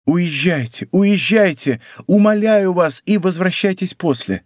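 A man reading the part of a desperate queen, her voice lifted high and trembling with pleas. The tone is anguished and urgent, set in a dry, close studio recording with no room sound. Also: a little fast, dry recording, close to an everyday voice. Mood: pleading. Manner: anguished, raised pleading voice. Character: Queen Anne of Austria, torn and pleading. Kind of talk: audiobook character reading.

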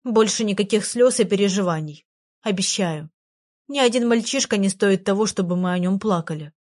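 A woman's voice: medium pitch, moderate pace, a little mellow, natural voice. A woman reading the lines of an upset teenage girl who mutters and holds back tears. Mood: resolute. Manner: muttering, tearful.

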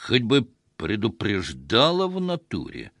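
A man's voice: fairly low pitch, huge pitch swings, unhurried, gravelly, fairly bright tone, dry recording, clean studio sound, heavily acted. A man voicing a burly, dim-witted young lout who talks crude slang in a reproachful, menacing drawl.

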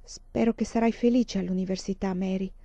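A woman's voice: medium pitch, fairly even intonation, a little fast, dark tone, dry recording, close to an everyday voice. A woman reading as a caring fifteen-year-old girl. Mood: tender. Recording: dull lo-fi dry recording.

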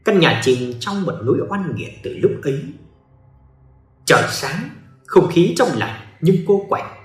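A man's voice: a little high, very animated, measured pace, reverberant, faint music behind. A man giving dramatic scripted narration of a ghost story.

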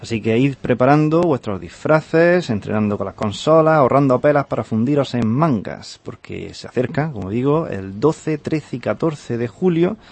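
Medium-pitched Spanish man chatting through news. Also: a little mellow. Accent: Spanish from Spain. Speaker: radio show panelist presenting news. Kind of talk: casual radio news chat.

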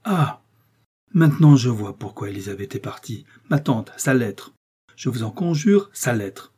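A man reading aloud and voicing an upright young gentleman who speaks earnestly and urgently. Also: on the low side, moderate pace, slightly rough. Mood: pleading.

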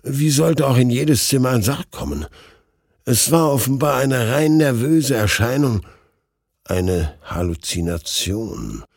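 A man narrating a story with a measured, dramatic reading. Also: medium pitch, lively intonation, husky, dry recording, studio quality. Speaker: audiobook narrator.

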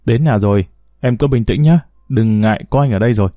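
Brief: narrator playing a smooth-talking gangster in an audio story, rapid and a bit lower, dark dry tone. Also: male voice, dry recording, natural voice. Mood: coaxing. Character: middle-aged gangster man, brash and coaxing.

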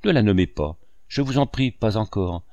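A man's voice: lowish voice, expressive, moderate pace, dark tone, no room sound, muffled recording. A man reading aloud, voicing an aging male painter who muses wryly and wistfully to his housekeeper. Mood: shaken. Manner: wry musing monologue addressed to a housekeeper.

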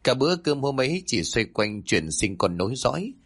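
A man narrating a family drama story, expressive and giving the characters their lines. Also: mid-range voice, moderate pace, breathy edge. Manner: expressive, voices the family members in dialogue.

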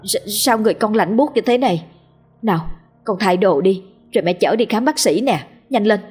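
A caring middle-aged mother frets and gently nags her son, as a woman narrator puts her on. Her voice is husky and plain, over faint background music. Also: mid-range voice, lively intonation, moderate pace. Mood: worried. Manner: anxious, gentle nagging.

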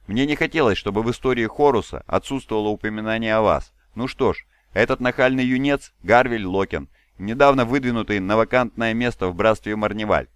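A man's voice: on the low side, fairly quick, few pauses, clear, resonant tone, no echo, studio quality, lightly acted. A man voicing a proud, fatherly giant male warlord who speaks in a solemn, commanding way.

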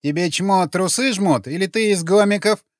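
A man's voice: on the high side, measured pace, clean tone, dry recording, studio quality, pitched above the performer's own voice, close to an everyday voice. Casting: man voicing a coarse, sulky young street woman. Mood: rude. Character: rude worn-out young prostitute woman.

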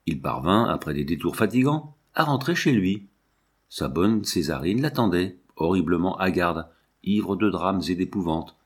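Male narrator, low voice, measured expressive novel reading. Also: breathy edge. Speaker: audiobook narrator.

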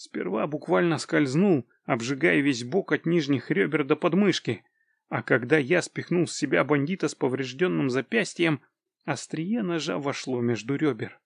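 A man narrating a first-person fantasy audiobook in a steady, measured way. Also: mid-range voice, creaky, breathy edge, no echo, clean studio sound.

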